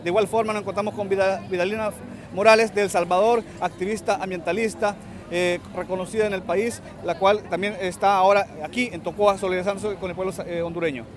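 A man files a brisk radio report from a street march, talking quickly. His voice sits high for a man. Traffic passes in the background. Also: steady tone. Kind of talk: field report and interviews.

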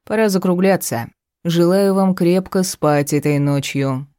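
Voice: medium pitch, a little slow, warm tone, clean tone, no echo, clean studio sound, natural voice. A reader voicing a grumbling old male guardian who sounds sleepy and stifles yawns.

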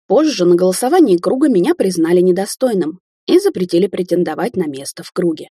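Anxious young man, flattering and eager to please, with a low, husky voice, read by a woman. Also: quick pace, no room sound. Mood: nervous. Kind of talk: audiobook character reading.

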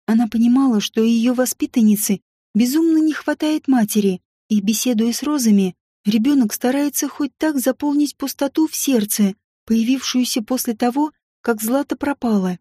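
A woman narrating an audiobook story in a calm, even reading voice. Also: fairly high pitch, normal speed, breathy edge, dry recording, studio quality.

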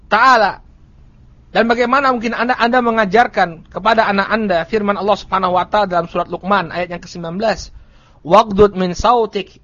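A man's voice: high voice, fairly bright tone. A male Islamic teacher giving a religious study lecture, chanting Arabic passages and explaining each one with frequent "ya" asides. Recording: dull lo-fi audio.

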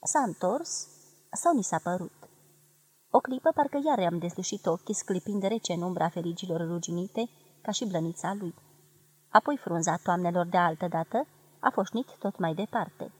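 A woman from Romania giving a measured, expressive literary reading of a memoir. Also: lowish voice, breathy edge, no room sound. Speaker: reader of a memoir.

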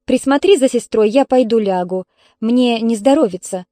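A woman's voice: on the high side, moderate pace, warm tone, no room sound, clean studio sound, lightly acted. A woman reading as a grumpy, complaining middle-aged mother who scolds her neighbors and children. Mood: grumbling. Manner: complaining, strict.

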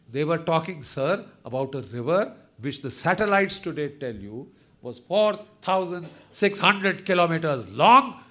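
A man's voice: a little high, fairly bright tone. Oudere Noord-Indiase man met hoge, felle stem. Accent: north Indian. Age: older, over 60. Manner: combative, emphatic, rhetorical questions to the audience. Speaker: lecturer. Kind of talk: impassioned public lecture, switching between English and Hindi.

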